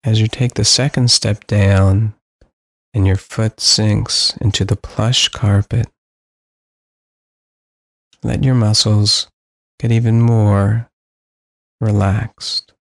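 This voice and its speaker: A man leads a guided sleep meditation in a low, gravelly voice. He speaks slowly, evenly and soothingly, with long pauses between phrases. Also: level tone, dry recording, clean studio sound.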